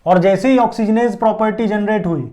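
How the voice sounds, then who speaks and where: A man's voice: high voice, a little fast, dark tone. A man teaching a biology lesson at a board, explaining step by step and asking and answering his own check questions. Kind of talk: classroom lecture at a board.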